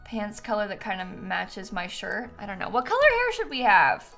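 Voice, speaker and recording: A woman's voice: medium pitch, huge pitch swings, normal speed, creaky, fairly bright tone. A playful young adult woman chatting casually and self-deprecatingly to viewers on a gaming live stream, giggly and close on the mic. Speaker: game streamer, host. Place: small room indoors at home. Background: game music.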